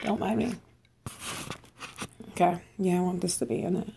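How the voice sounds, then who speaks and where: A woman's voice: fairly low pitch, steady tone, normal speed, gravelly, mellow, a little hiss or hum. A young woman vlogging from home in a casual eat-with-me chat, bubbly and chatty, talking between bites while losing her voice. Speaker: mukbang vlogger.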